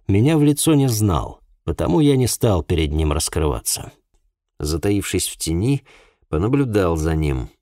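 A man reading a first-person story aloud as an audiobook narrator, measured and steady, on a close studio mic. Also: low-pitched, dry recording.

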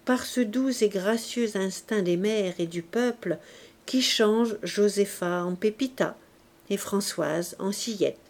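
A woman reading a classic novel aloud as audiobook narrator, in a calm, measured way. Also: mid-range voice. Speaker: audiobook reader. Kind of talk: scripted narration.

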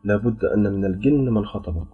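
A man's voice: lowish voice, fast talker, slightly rough. A man voicing an earnest young man smitten with a jinn girl, speaking in eager questions. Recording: dull lo-fi with faint music.

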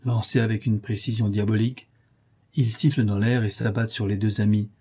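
A man narrating an adventure novel as an audiobook in a steady, dramatic storytelling manner. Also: fairly low pitch, fairly quick, slightly rough.

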